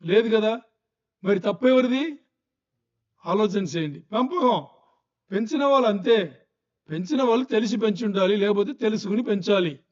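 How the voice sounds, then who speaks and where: A man's voice: sits high, normal speed, long pauses, a little mellow, highs cut off. A male pastor preaching a sermon, firing rhetorical questions at the congregation.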